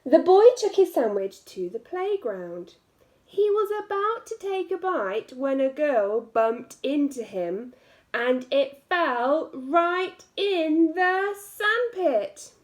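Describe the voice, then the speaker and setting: A teacher reads a picture book aloud to young children, expressively stretching key words and tossing in little asides to her listeners. Her voice sits high, and she reads slowly and expressively.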